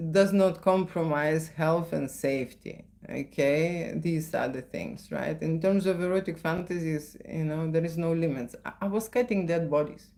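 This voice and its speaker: Her voice low and warm, a middle-aged photographer with a Lithuanian accent answers questions in a live session. "Okay?" and "right?" frequently cap her sentences as she chats.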